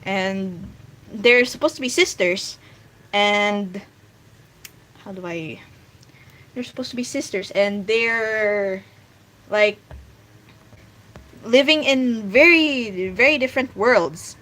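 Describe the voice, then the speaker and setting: A woman's voice: medium pitch, takes it slowly, long pauses, fairly bright tone. A woman with a Filipino accent, chatting casually while drawing on a stream and rambling with lots of fillers. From Philippines. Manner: rambling, filler-heavy, restarting thoughts aloud. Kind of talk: casual livestream chat.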